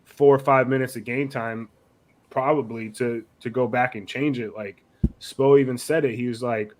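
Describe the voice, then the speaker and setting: A man with a hoarse, raspy voice co-hosting a casual sports podcast, blunt and slangy with some swearing. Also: medium pitch, fairly even intonation, moderate pace. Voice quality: raspy, rough voice. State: hoarse, sick.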